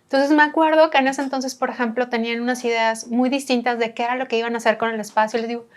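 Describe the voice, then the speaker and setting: A woman's voice: a little high, fast talker. A woman from Monterrey with a northern Mexican accent, chatting as a podcast guest and telling stories with laughs and acted-out dialogue. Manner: lively storyteller, laughs often, acts out dialogue. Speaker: guest, architect and restorer. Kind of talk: casual podcast conversation.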